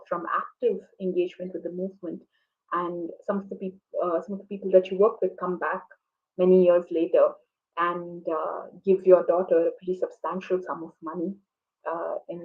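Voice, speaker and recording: A reflective woman from India, whose first language is Tamil, moderates an online book conversation over a video call, with many ums and restarts. Her voice is fairly low-pitched. The call audio is muffled, dull and lo-fi.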